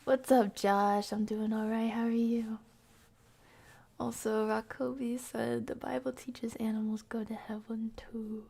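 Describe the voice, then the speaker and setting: Reading comments aloud, a streamer wanders through an informal chat with her viewers. She sounds on the high side yet gravelly, dark and slightly rough, with a flat, unhurried delivery.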